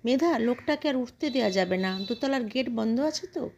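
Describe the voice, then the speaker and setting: A woman's voice: a little high, lively intonation, fairly quick, darkish tone, highs cut off, a little hiss or hum, pitched above the performer's own voice. Woman narrator voicing a young male coder, bossy and panicky; storybook read. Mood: urgent. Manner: urgent, exasperated, bossy.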